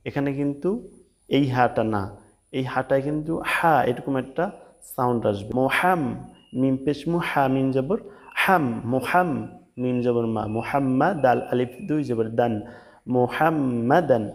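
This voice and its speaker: A man teaching a prayer recitation step by step, drawing out the Arabic words in a slow chant and spelling out letters and vowel marks between brisk explanations. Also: medium pitch, a little mellow. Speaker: religious teacher.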